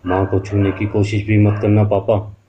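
A man's voice: lowish voice, completely flat delivery, normal speed, dark tone, highs cut off, a little hiss or hum, natural voice. A man voicing a grieving young daughter who accuses her father in a sobbing, furious way. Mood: cold.

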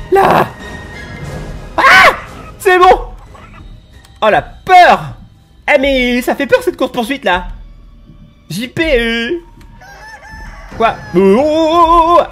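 A man doing let's play commentary, excitable and teasing, yelping when scared and chatting to the monster on screen. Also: very high voice. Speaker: gaming YouTuber.

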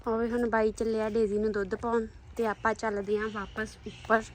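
A woman's voice: on the high side, little pitch movement, brisk, a little hiss or hum, rough recording. A woman chatting casually as she films a daily vlog, showing viewers around a rural home and garden. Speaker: vlogger.

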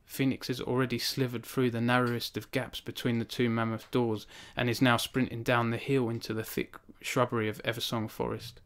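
In a small home room, an author in his thirties live-streams into a stand-mounted studio microphone, first reading from his novel and then chatting with viewers. His medium-pitched, fairly bright voice moves little in pitch and runs a little fast with few pauses. When chatting he is earnest and self-conscious, restarting often and using fillers.

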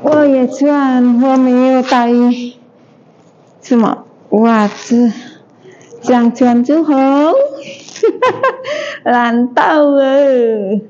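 A woman's voice: sits high, lively intonation, extremely slow, long pauses, a little hiss or hum. A woman vlogger chatting casually while talking through a face mask, laughing at herself now and then. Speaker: migrant caregiver vlogger. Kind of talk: casual vlog chat. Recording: dull lo-fi sound with loud music.

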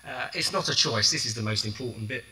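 A man's voice: medium pitch, fast talker, pushed and bright, low-quality recording. A man with a South East London accent giving a conference talk as a consultant nurse. He speaks in a chatty way and drops in joking asides. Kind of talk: conference presentation. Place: conference venue.

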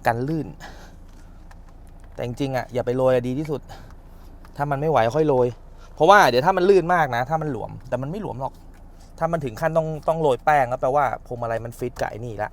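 A man's voice: mid-range voice, quick pace. Casting: male mechanic host, casual chatty how-to demo, effort grunts mid-task. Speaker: car mechanic and channel host.

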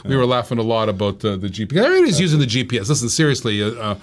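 A man hosting a talk show, pitching gadgets as an animated salesman who keeps repeating phrases and prices. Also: very fast. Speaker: host.

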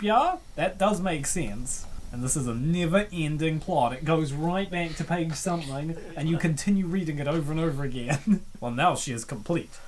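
With a mid-range voice, this comic dub host rambles casually through a webcomic, throwing in playful, excitable reactions.

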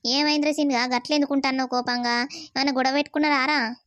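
A woman's voice: high voice, fairly even intonation, fast, fairly bright tone, no room sound, muffled recording. A woman voicing a worried, nagging mother-in-law in a cartoon, questioning her son with a Telangana Telugu accent. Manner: questioning, scolding. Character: worried middle-aged mother-in-law, nagging but caring. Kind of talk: animated cartoon voice acting.

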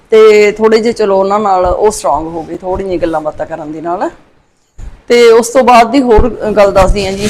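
Middle-aged woman vlogger, mid-pitched, gentle and grieving, consoling tone, chatty asides. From Punjab. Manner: soft, sorrowful, consoling, with many tag questions. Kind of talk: casual heartfelt talk to viewers.

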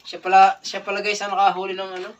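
Recorded on a distant phone with clear background noise and the highs cut off, this Filipino man in his thirties vlogs from a small tiled kitchen at night. The spearfisher casually shows his catch and keeps thanking viewers, speaking quickly in a high, completely flat voice.

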